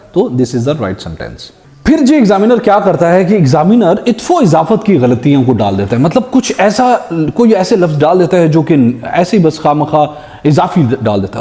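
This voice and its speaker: A young man teaching an exam-prep grammar lesson, reading sentences slowly and explaining each correction, with English phrases mixed in. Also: on the high side, mellow. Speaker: Urdu teacher.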